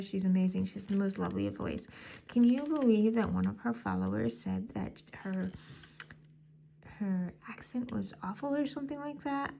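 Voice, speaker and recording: Woman, casual home craft vlog, gravelly vocal fry, faint background hiss. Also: mid-range voice. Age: adult, married. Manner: rambling, warm-hearted, filler-heavy. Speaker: crafting vlogger. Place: home living room.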